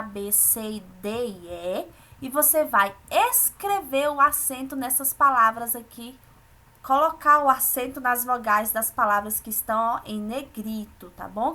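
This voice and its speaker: Bright-voiced Brazilian teacher, patient explaining. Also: female voice, a little high, lively intonation, unhurried. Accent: Brazilian Portuguese. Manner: patient, explaining step by step to children. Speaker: primary school teacher. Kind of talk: remote lesson for children.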